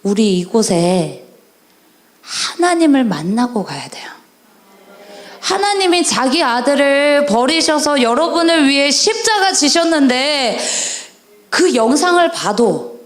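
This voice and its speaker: Woman evangelist, children's sermon, high voice, animated, questioning the audience, echoey church hall. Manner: animated, questioning the audience, drawn-out stressed endings. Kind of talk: sermon to children at a camp service. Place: church sanctuary.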